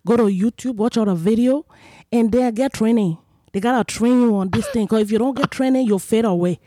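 A woman's voice: on the high side, fairly quick, warm tone, no room sound, studio quality, natural voice. A woman putting on an as an emphatic advice-giver, instructing the listener. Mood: assertive.

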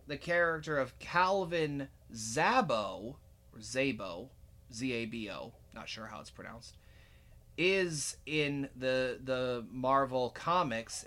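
Man, podcast host, bright forceful tone, rambling casual chat, lots of fillers. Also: mid-range voice. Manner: rambling, many fillers and restarts.

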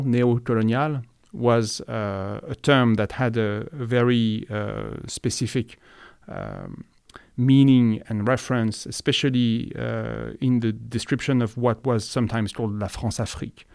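Hosting an academic interview podcast, this man sounds hesitant, hunting for words as he shapes his questions. His mid-range voice is creaky, slightly mellow, clear and resonant, captured in clean studio sound with no echo.

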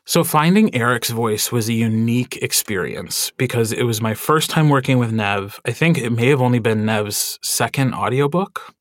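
Man, audiobook narrator, chatty interview talk, lively asides, dry close mic. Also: medium pitch, moderate pace, no room sound. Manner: chatty, animated, frequent fillers. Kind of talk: podcast interview.

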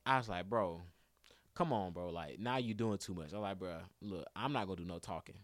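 Talking a little fast in a low-pitched voice, a young man spins a lively story in casual conversation, with no room sound on the recording. He laughs often, leans on slang, and performs what others said.

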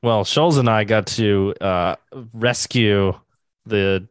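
A man with a lowish voice and a dry, close sound, co-hosting a casual podcast. He tells stories in a joking way and swears freely. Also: takes it slowly, clean tone, no echo. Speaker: podcast co-host.

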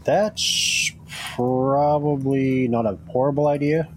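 A man's voice: mid-range voice, fairly even intonation, slow pace, a little hiss or hum. A man playing a tabletop game, chatting casually in a dry, joking way. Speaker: player.

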